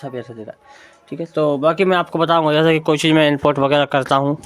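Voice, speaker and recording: A man's voice: on the high side, steady tone, fast. A man giving an informal spoken tech tutorial, explaining step by step and often checking in with the listener. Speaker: tutorial presenter.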